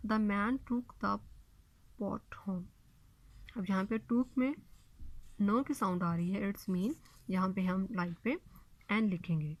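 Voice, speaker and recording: Woman teacher, unhurried dictation, dry close sound. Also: a little high, darkish tone, no room sound, poor audio. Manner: reads English slowly and deliberately, explains rapidly in Hindi. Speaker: school English teacher. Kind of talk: recorded classroom lesson.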